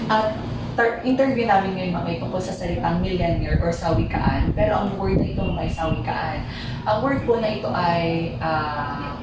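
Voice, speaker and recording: A woman's voice: fairly low pitch, normal speed. A young woman student politely interviewing people, rambling and tacking "ma'am" and "sir" onto nearly every phrase. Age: young adult. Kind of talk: street interview questions. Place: school campus. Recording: echoey, distant mic, loud background noise.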